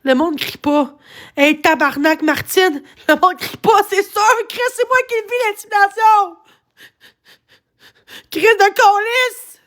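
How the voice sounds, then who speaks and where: A Québécois woman with a very high voice rants to her live-stream viewers. She sounds agitated, rambles from one complaint to the next and swears often. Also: slow pace, long pauses, a bit bright. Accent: Québécois French. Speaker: livestreamer. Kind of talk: casual live-stream rant.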